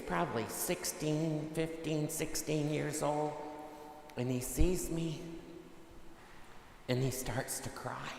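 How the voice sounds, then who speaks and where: Slow-talking priest in an echoing church. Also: male voice, a little high, slight background noise. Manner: conversational storytelling, many "you know" fillers. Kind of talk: homily. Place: large church. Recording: echoey church with long reverb.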